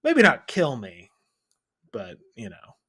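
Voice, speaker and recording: A man's voice: medium pitch, huge pitch swings, takes it slowly, fairly bright tone, a little hiss or hum. A man co-hosting a movie podcast in casual chat, rambling and playful with many fillers. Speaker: podcast co-host.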